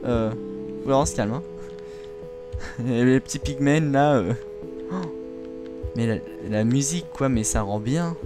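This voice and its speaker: A man's voice: mid-range voice, measured pace, pauses often. A young man hosting a casual game video, chatting to viewers with frequent giggles. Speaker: gaming video host. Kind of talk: casual let's-play commentary. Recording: game music playing behind.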